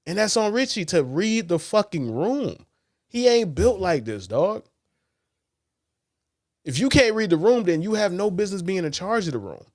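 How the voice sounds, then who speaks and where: A man's voice: sits high, sing-song, normal speed, a little mellow, no room sound, studio quality. A man co-hosting a sports podcast in casual talk, blunt and profane, telling stories animatedly and quoting others. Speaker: podcast co-host.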